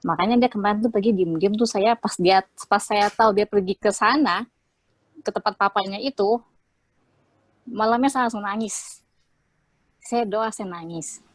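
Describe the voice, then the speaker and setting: A woman's voice: medium pitch, moderate pace, pauses often, no room sound. Heartfelt young woman, dry close sound. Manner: heartfelt, chatty, lots of fillers. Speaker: interviewee sharing a faith testimony. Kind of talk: casual testimony.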